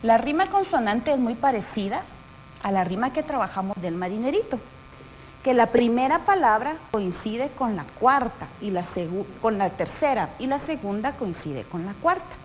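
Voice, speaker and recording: A woman teacher with a Guatemalan Spanish accent, explaining a lesson to young pupils slowly and patiently, often asking them questions. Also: a little high, big pitch swings, a little hiss or hum, poor audio. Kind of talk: televised primary school lesson.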